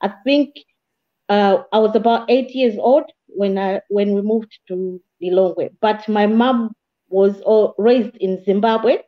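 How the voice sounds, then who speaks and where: A woman from Malawi, a guest in an interview, telling her life story in a measured, plain way with small restarts. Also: mid-range voice. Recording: slightly dull, muffled audio.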